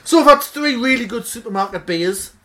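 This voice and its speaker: Animated high-voiced man. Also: a little fast. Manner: jokey, animated banter. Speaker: podcast co-host. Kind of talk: casual chat.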